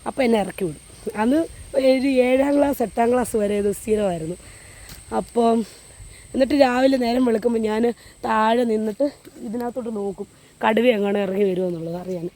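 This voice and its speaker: A woman with a warm, relaxed, mellow tone, reminiscing casually to a phone camera. She walks uphill outdoors as she talks, rambling along with plenty of fillers. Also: fairly high pitch, a little fast. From Kerala, India. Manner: chatty and meandering, with frequent fillers; talking while walking uphill. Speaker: vlogger. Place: outdoors on a hill beside a water tank.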